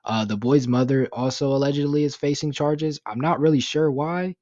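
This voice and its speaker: A man's voice: mid-range voice, steady tone, normal speed, darkish tone, no room sound, muffled recording. A young man giving casual commentary on a news story, rambling with lots of fillers, swearing and sounding indignant. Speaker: YouTube commentator.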